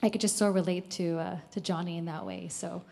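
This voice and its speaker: A woman's voice: lowish voice, steady tone, a little fast, gravelly, mellow. A woman from the Philippines with an American accent, sharing enthusiastically in a book discussion. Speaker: book club participant.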